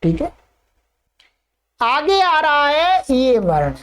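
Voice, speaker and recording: Slow, lively-pitched woman teacher. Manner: drawn-out vowel chanting, then explaining and correcting. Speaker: Sanskrit teacher. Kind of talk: pronunciation lesson.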